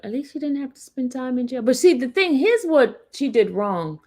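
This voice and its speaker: On her livestream, a woman in her fifties chats and laughs with viewers, responding to her live chat. Her voice is high and animated yet darkish in tone, at a normal speed.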